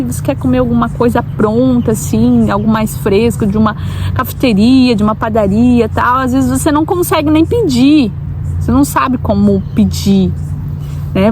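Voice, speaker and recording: Young Brazilian woman vlogger, casual and chatty, lots of tag questions; noise audible behind her. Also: a little high. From Brazil, Santa Catarina. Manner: chatty, asks viewers directly, frequent tag questions. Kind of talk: casual talk to camera. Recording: noticeable background noise.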